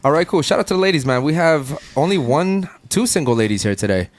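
A man's voice: fairly high pitch, expressive. A man hosting a casual podcast chat, brash and profane, firing off questions to guests. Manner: brash, profane, rapid-fire. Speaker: podcast host. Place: Miami studio.

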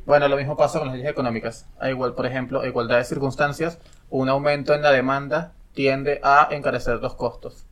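A man with a voice of middle pitch lays out an economic argument in a casual podcast debate. He explains patiently at first, then pushes harder and gets louder when challenged, with a lilt. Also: level tone, brisk. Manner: explains insistently, grows loud when pressed. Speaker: podcast co-host.

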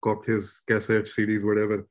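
A man in his thirties from Pakistan, a rapper calmly telling his story on a podcast, English not his first language. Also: fairly low pitch, normal speed. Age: 30s. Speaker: rapper guest. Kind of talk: casual podcast chat.

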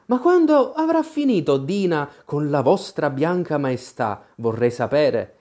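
In an audiobook, a storyteller voices an eager, imaginative little girl, chattering fondly with a lilting lift. The medium-pitched voice is very animated, a little slow, and slightly mellow.

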